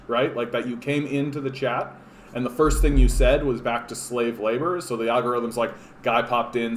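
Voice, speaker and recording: There's an echoey room sound and a little hiss or hum as a Canadian man hosts a casual political livestream from his home. Reading chat comments aloud, he turns sarcastic, and his medium-pitched voice rambles along with frequent fillers and restarts.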